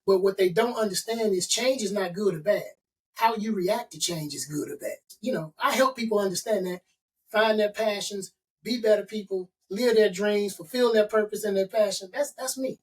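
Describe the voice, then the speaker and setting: Heard through a rough recording and a distant mic, this middle-aged man from Chicago, USA, is being interviewed as a consultant and author. He has a high voice and a moderate pace, and he speaks emphatically and motivationally, laying out points as lists.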